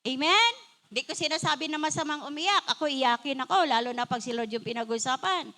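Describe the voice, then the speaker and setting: An older woman with a Filipino accent preaches a sermon in an animated, conversational way, switching freely into English. Her voice sits very high, with a bright, forceful edge. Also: fairly quick.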